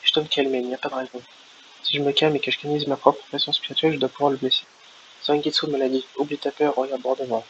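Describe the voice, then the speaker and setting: A man's voice: mid-range voice, little pitch movement, fast, a bit bright, lightly acted. A man voicing a determined teenage swordsman hero, reading game dialogue aloud in a plain, earnest way, on a lo-fi recording. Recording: lo-fi with faint hiss.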